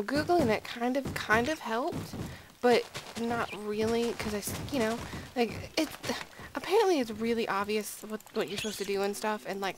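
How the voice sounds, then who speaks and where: A woman's voice: a little high, noisy background. Sleepy, giggly woman rambling over gameplay. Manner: rambling, giggly, self-deprecating. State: sleepy, late at night. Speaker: gaming video creator. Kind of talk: casual gameplay commentary.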